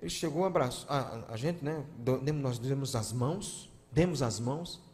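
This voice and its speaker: A guest pastor, preaching a sermon and telling stories, moving from hushed to loud emotional appeals. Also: male voice, medium pitch, moderate pace. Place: large church hall. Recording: long church-hall reverb.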